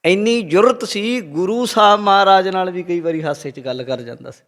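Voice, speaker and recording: This is a Sikh preacher with a Punjabi accent, whose high voice moves at a moderate pace. He delivers a lively religious talk to his congregation, with a story and quotations from the Guru.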